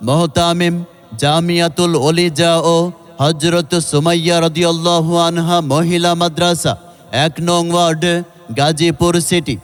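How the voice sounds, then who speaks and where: A man's voice: on the high side, clean tone. A Bangladeshi man reading a scripted promotional announcement for a religious gathering in a formal, emphatic, declamatory way, repeating key phrases. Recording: long reverb, music behind.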